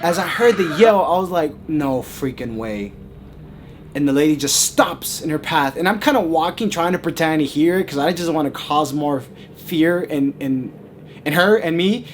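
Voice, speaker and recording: A young man vlogging a spooky personal story, animated and dropping to a hush at times. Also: on the high side, normal speed, slight background noise. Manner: animated, with sudden drops to a hush.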